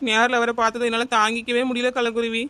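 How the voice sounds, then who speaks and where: A high, bright and flat-toned cartoon voice of a weepy young village woman, played by a woman. She has a Kanyakumari Tamil accent and rushes through her sulky, tearful complaints. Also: smooth. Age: young adult.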